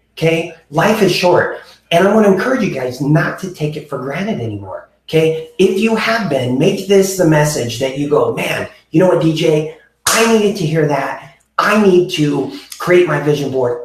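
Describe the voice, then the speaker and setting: A man in his forties hosting a motivational podcast, talking earnestly to viewers, with many fillers and restarts. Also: fairly high pitch. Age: 40s. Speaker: podcast host. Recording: very echoey room.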